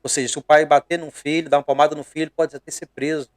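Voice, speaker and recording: A middle-aged man from Bahia with a Brazilian accent, a pastor preaching conversationally on a podcast, earnest and emphatic, often pausing to hesitate. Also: on the high side, level tone, dry recording.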